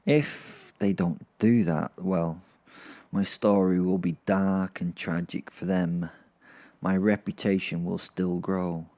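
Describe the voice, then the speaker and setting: Speaking slowly in a deep, warm, steady voice, a man narrates a dramatic fantasy story in the first person. As the podcast host, he tells it informally and rambles as he goes.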